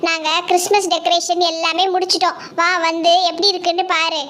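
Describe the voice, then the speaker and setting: A woman's voice: very high-pitched, flat delivery, a little fast, fairly bright tone. A woman voicing Reni, a schoolgirl doll who scolds and teases her dreaming friend in a doll story. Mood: teasing. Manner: scolding, teasing, bossy.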